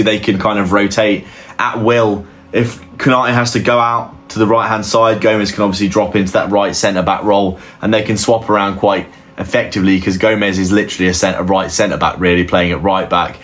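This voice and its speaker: A man giving a casual, opinionated match analysis as host of his football channel, often restarting his sentences. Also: fairly low pitch. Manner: conversational, opinionated, with frequent restarts.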